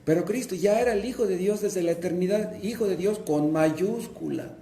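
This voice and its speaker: A man's voice: high voice, moderate pace, warm tone, echoey room, slight background noise. A man, a pastor with a Mexican Spanish accent, preaching a sermon and asking and answering his own questions.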